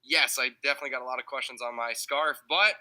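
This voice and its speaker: A man's voice: mid-range voice, fast talker, pushed and bright, poor audio. A man who is a guest on a sports podcast, breaking down players in casual, analytical chat.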